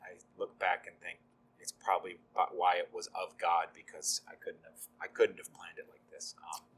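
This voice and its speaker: Low-pitched and level, with a fairly bright, slightly rough tone, the voice proceeds at a moderate pace. It belongs to a middle-aged deacon who, as a guest, tells his faith story conversationally, easygoing and self-deprecating, with many ums.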